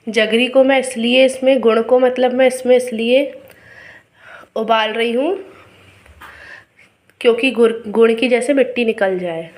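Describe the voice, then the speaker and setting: A woman's voice: on the high side, fairly even intonation, unhurried, pauses often. A middle-aged woman with a sore throat hosts a casual cooking video, chatting to viewers as friends and explaining each step.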